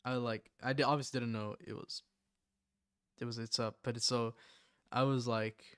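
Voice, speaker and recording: Streamer dude rambling on a live call, smooth clear voice, dry sound. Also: male voice, medium pitch, fairly even intonation, normal speed, a bit bright, no room sound. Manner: rambling, lots of likes and ums. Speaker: livestream host. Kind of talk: casual chat on a live stream.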